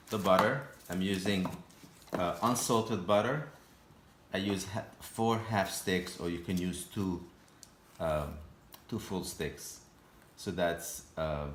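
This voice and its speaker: Low-voiced male home cook, halting and patient, in an echoey kitchen. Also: fairly bright tone, a little hiss or hum. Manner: halting, patient step-by-step explaining with frequent restarts. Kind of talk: cooking demonstration.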